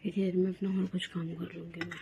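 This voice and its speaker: A woman's voice: lowish voice, little pitch movement, fast, creaky, muffled recording, noisy background. A young woman vlogging at home about her day, chatty and talking to her toddler in a sing-song voice. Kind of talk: casual home vlog. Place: home rooms, indoors.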